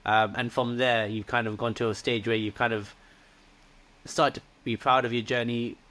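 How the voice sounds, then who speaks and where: A man hosting a podcast interview, asking thoughtful questions in a measured way with frequent fillers. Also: medium pitch, level tone, fairly bright tone. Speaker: host, men's coach.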